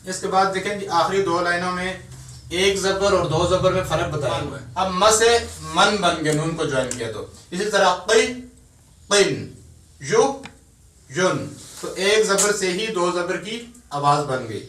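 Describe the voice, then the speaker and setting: A man teaching a beginners' tajweed lesson. He talks patiently and drills each sound slowly, one syllable at a time. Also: sits high, a bit bright, slight background noise. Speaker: Quran teacher. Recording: echoey room, mic at a distance.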